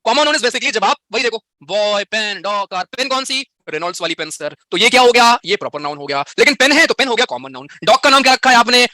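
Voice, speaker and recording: A young man with an Indian accent teaches English grammar in a live online class, mixing Hindi with English terms. He talks quickly in a high, bright voice. The sound is close and dry, with no room around it. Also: dry recording. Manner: chatty, explains in Hindi with English terms, answers students' chat questions.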